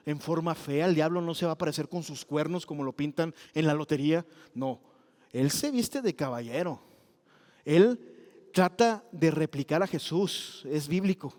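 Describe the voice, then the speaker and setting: A man preaching a sermon and telling a personal story in an animated way, acting out the voices he quotes. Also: a little high, long reverb tail. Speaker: pastor.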